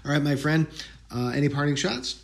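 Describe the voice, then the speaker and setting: A man's voice: on the high side, animated, brisk, gravelly. A man co-hosting a movie podcast, casual and jokey, talking with enthusiasm. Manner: jokey, enthusiastic, hums and quotes lines. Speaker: podcast co-host. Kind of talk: casual chat about movies.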